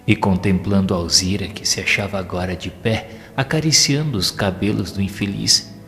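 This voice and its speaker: A man with a lowish voice and Brazilian accent plays a solemn spirit narrator, telling his tale in a measured, literary audio-drama style that is compassionate and grave. His tone is bright and forceful, and he sounds solemn and moved. A long hall reverb carries his words over clear music.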